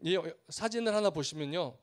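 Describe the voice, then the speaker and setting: A man's voice: sits high, animated, moderate pace, smooth. A man preaching a sermon as a missionary, earnest, building through repeated phrases and acting out the villagers he meets. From Korea. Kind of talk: sermon with storytelling.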